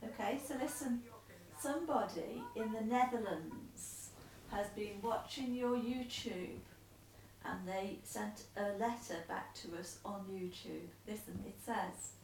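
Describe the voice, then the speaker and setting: A woman with a medium-pitched, gravelly and slightly mellow voice reads a letter aloud slowly at home, coaxing and encouraging like a patient carer. She sits far from the mic in an echoey room, and there's a little background noise. It feels like a casual home video.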